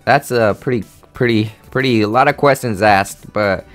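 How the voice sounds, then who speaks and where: A man's voice: fairly low pitch, moderate pace, faint music behind. An eighteen-year-old man from Honduras hosting a casual Q&A vlog, rambling with lots of fillers and an easygoing manner. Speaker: gaming channel host.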